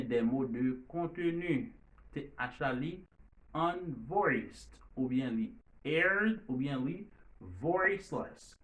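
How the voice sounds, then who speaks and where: A man teaching English pronunciation, repeating each drill word slowly and loudly. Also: medium pitch, distant mic. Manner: repeats drill words loudly and slowly, mixes French and Creole. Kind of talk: pronunciation lesson.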